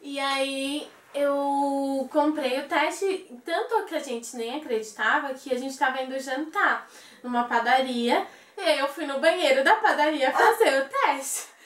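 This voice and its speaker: A young woman telling a personal story in an interview, animated and acting out the voices of the people in it. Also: high voice, unhurried. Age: young adult. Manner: animated, acts out quoted voices. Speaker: interview guest. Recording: echoey room, voice from a distance.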